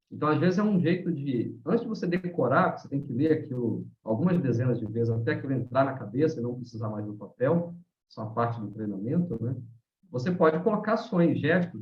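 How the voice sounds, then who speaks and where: A man with a Brazilian Portuguese accent, teaching about haka in a live online talk, animated and storytelling, often ending phrases with a questioning tag. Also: mid-range voice. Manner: animated storyteller, many "né?" tags. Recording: roomy, dull lo-fi sound.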